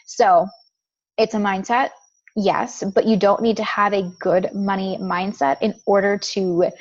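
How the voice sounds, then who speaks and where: A woman's voice: mid-range voice, highs cut off. A woman giving a spiritual teaching talk as a manifestation coach, earnest and repetitive. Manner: earnest, repetitive, occasional light laughs.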